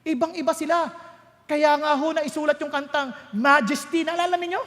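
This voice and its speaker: A male pastor preaching a sermon, telling lively stories and acting out the voices of the people in them. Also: very high voice, normal speed. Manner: lively storytelling, code-switching, acting out voices. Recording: long hall reverb.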